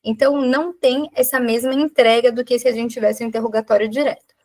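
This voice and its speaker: A woman's voice: fairly high pitch, steady tone, fast talker, darkish tone. A woman with a Brazilian Portuguese accent, a doctor tutoring a live exam prep lesson, who explains cases step by step and keeps putting questions to her class.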